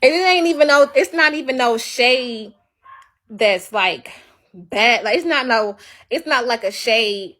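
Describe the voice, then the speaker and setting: A woman's voice: on the high side, expressive, measured pace, pushed and bright. Profane, ranting young woman livestreamer. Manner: blunt, profane, emphatic ranting. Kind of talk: casual livestream venting.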